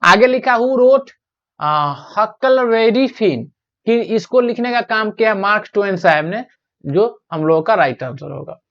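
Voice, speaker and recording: A man's voice: sits high, animated. Bihari guy teaching exam prep, asks and answers his own questions, drags out the english lines, kinda muffled lo-fi sound. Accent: Bihari Hindi. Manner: explains step by step, asks questions and answers them himself; drawls English question text slowly. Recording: dull lo-fi sound.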